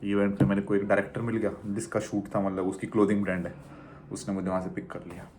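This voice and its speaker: A man's voice: fairly low pitch, fast, background noise. A young man in his twenties, a travel vlogger from India, talking casually and animatedly to the camera. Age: 20s. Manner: animated, chatty, teasing the viewer as "bhai".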